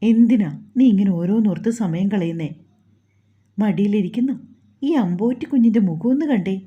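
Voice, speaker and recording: A woman's voice: medium pitch, moderate pace, close to an everyday voice. Woman voicing motherly helper, fond chiding, lots of questions, somewhat dull sound. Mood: worried. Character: caring older female helper, fussy.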